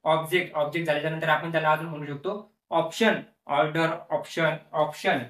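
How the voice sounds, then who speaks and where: A man's voice: fairly high pitch, fairly even intonation, fairly quick, fairly bright tone, distant mic. Man teaching in an echoey room, repeating each word. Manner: repeats words many times, asks questions and answers them himself. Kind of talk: classroom-style lesson explanation.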